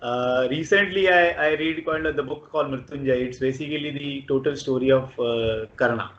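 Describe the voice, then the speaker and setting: A man in his late forties from Konkan with a Marathi Indian accent, answering casual interview questions haltingly and often repeating words. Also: medium pitch, fairly bright tone. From Konkan, Maharashtra, India. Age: late 40s. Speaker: interviewee, IT professional. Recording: dull, echoey room recording.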